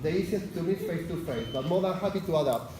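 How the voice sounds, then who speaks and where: Speaking fast with an Argentine Spanish accent, this male lecturer, who also leads the unit, opens a university lecture in a fairly high, expressive voice. He fills pauses with "uh" and often asks "yes?", recorded in an echoey hall with faint noise behind him.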